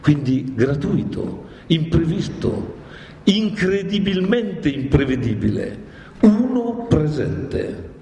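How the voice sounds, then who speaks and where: A man's voice: on the high side, slow pace, slight background noise. Man lecturing dramatically in echoey hall. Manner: dramatic, animated, theatrical. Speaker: speaker lecturing on Dante. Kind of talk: lively public talk.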